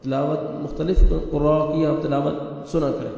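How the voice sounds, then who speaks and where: A man's voice: a little high, little pitch movement, normal speed, gravelly, mellow. A man teaching a Quran recitation lesson, patiently and methodically spelling out letters and vowel marks step by step. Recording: roomy reverb, long echo, faint music.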